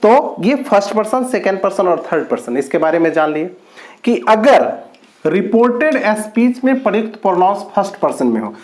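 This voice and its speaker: Man teaching grammar slowly. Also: high-pitched, sing-song, a little mellow. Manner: explains slowly, repeats points, drawn-out words. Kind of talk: online grammar lesson.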